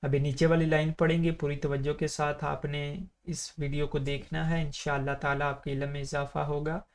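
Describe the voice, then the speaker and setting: A male Quran reading teacher works through the Arabic alphabet for beginners in a steady, fairly flat voice. He holds each letter name long and slow, then explains quickly how it should sound. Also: a little high. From Pakistan. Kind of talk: recorded lesson for beginners.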